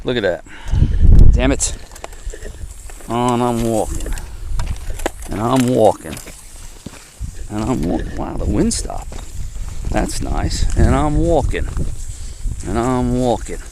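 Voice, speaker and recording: A man talks his way through outdoor work, calling each step in a slow, drawn-out play-by-play with dry little asides. He sounds mid-pitched and unhurried, recorded outside on rural land. Wind and outdoor noise come through clearly on the camera mic. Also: animated. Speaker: vlogger narrating his own work. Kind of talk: casual self-narration while working.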